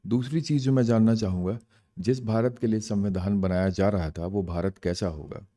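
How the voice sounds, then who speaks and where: Low mellow-voiced male teacher. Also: moderate pace. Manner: explains terms in Hindi and English, asks and answers own questions. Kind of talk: exam-prep lecture.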